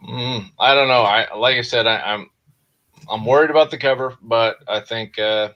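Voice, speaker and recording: A man's voice: medium pitch, normal speed. A man co-hosting over a video call, laid-back and swearing, with many restarts. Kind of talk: casual chat. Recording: dull lo-fi video call audio.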